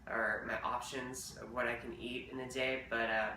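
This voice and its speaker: Man, casual diet vlogger, rambling and chatty, bright edge, roomy distant sound with faint ambience. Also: medium pitch, level tone, moderate pace, slight background noise. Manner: rambling, chatty, fillers and restarts. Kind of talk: casual diet update vlog.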